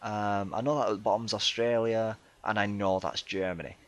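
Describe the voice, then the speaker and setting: Man, fairly low voice, casual gameplay commentary, hesitant, lots of ums, chatty, self-deprecating. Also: steady tone, normal speed, highs cut off. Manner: hesitant, many ums and restarts. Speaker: let's play gamer.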